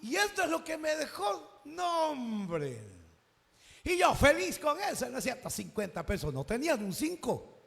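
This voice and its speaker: A Salvadoran man preaching a sermon, telling a personal story and acting out its conversations, now and then rising to a shout. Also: very high-pitched, big pitch swings, moderate pace, gravelly, in a large hall.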